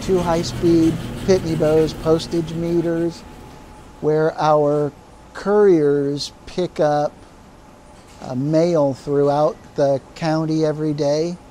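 Slow, mellow-voiced man leading a tour. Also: fairly high pitch, flat delivery, a little hiss or hum, low-quality recording. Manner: slow, explanatory, with pauses and fillers. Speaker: print shop manager giving a tour. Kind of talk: guided facility tour narration.

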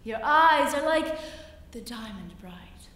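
Girl putting on a low, coaxing spider. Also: lively intonation. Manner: low, soft, coaxing and drawn-out. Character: sly flattering male spider, smooth and scheming. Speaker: student reciting a poem. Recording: echoey hall from far off.

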